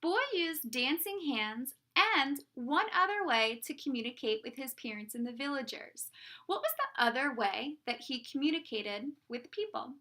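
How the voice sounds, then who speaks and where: A woman teacher reading a children's picture book aloud and pausing to ask the young listeners questions. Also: high voice. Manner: slow, expressive storytelling voice.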